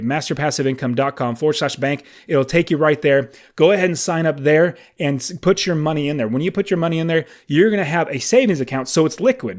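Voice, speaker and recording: A man in his late thirties hosting a solo podcast, talking in an enthusiastic, conversational way with emphatic asides. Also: a little high. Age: 30s. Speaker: podcast host.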